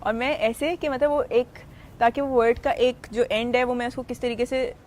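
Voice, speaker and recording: A woman's voice: on the high side, fairly even intonation, normal speed, darkish tone, a little hiss or hum. A woman actress in an interview, telling stories in a chatty way and slipping into English phrases. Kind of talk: casual interview talk.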